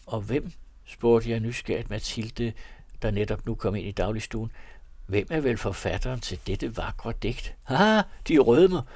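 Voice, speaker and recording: A man reading an old novel aloud in a measured, literary way. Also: fairly low pitch, steady tone, a little mellow, no echo. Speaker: reader of classic novels.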